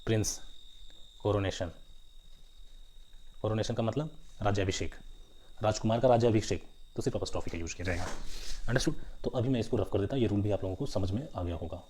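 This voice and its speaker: A man's voice: lowish voice, fast, pauses often, dark tone, a little hiss or hum. A male grammar teacher giving an online exam-prep lesson in a mix of Hindi and English, often stopping to ask his students whether they understood. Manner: explains in Hindi mixed with English, keeps asking "understood?". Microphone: writing with a pen tablet while teaching.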